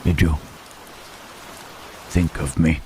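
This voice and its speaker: Man voicing deep, halting Frankenstein's Monster. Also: fairly even intonation, warm tone. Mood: humbled, disbelieving. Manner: halting, hesitant, repeats words, murmured tag questions. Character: lonely, humble, gentle-hearted male monster, Frankenstein's creature. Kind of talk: slow intimate ASMR roleplay acting. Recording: rain and thunderstorm noise behind. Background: rain and thunder.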